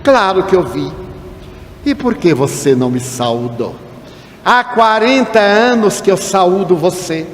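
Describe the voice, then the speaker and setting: A man voicing a resentful seventy-year-old woman who reproaches an old friend, with a fairly high voice in an echoey hall. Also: animated, measured pace. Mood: reproachful. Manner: reproachful, complaining. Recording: echoey hall with faint noise.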